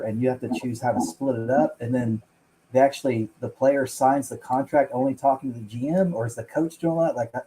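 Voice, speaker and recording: A male caller with a mellow, mid-pitched voice asks casual, rambling sports questions. There is faint noise behind him. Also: rough recording.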